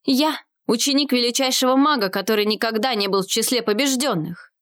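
A woman's voice: on the high side, fairly quick, fairly bright tone, lightly acted. A woman doing a cocky young male mage. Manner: cocky, teasing.

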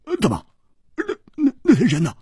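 A man voicing a brash, boisterous swordsman who stammers with excitement in a dramatized story reading. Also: low-pitched, unhurried, breathy edge, dry recording, studio quality, pitched below the performer's own voice, full character voice. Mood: agitated.

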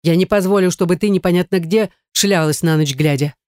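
A woman reading a stern, domineering husband in a lowered, curt voice. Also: brisk, darkish tone, no echo, clean studio sound, lightly acted.

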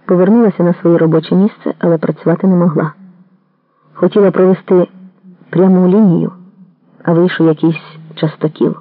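A narrator reading a literary novel aloud in a measured, even storytelling manner. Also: mid-range voice, no room sound, narrow, tinny audio. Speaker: audiobook narrator.

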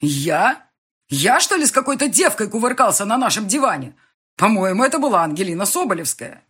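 A woman voicing a cold, jealous husband in an audiobook, curt and stern, in a husky tone. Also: a bass voice, sing-song, moderate pace, darkish tone, voice pushed down, heavily acted. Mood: angry.

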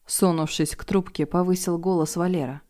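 Woman narrator, audiobook, mellow, even, lightly ironic. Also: fairly low pitch, moderate pace. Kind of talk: scripted narration.

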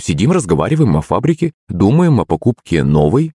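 Guy doing a nervous fussy mom voice, higher and lively, dry sound. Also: fairly quick, husky, dry recording. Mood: flustered. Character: flustered mother, fussing and nervous.

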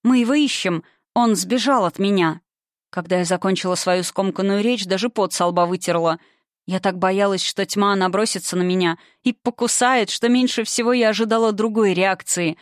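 A woman's voice: medium pitch, steady tone, normal speed, no echo, clean studio sound. A woman reading a first-person story as an audiobook narrator, with suspense.

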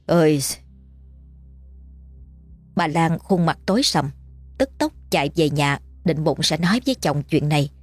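Heard first is a low, husky woman's voice, reading a ghost story aloud. She narrates at a brisk storytelling pace, with faint music underneath. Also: expressive, no echo. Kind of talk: scripted audiobook narration.

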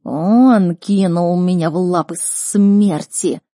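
A woman voicing a grave male royal snow leopard who speaks slowly and heavily in a storybook reading. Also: lowish voice, dark tone, no echo, clean studio sound. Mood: warning. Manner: slow, heavy, deliberate speech.

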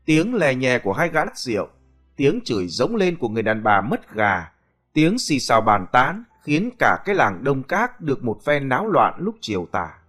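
Male narrator for a spoken story; expressive, animated delivery, slightly high voice, soft music bed. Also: normal speed.

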